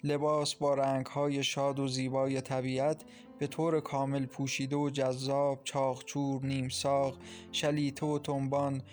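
A man narrating a novel in a calm, even storytelling voice. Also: medium pitch, faint music behind. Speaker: audiobook narrator. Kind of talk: scripted narration.

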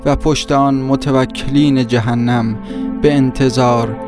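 A man narrating an audiobook in a measured, descriptive storytelling manner. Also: medium pitch, fairly even intonation, music in the background.

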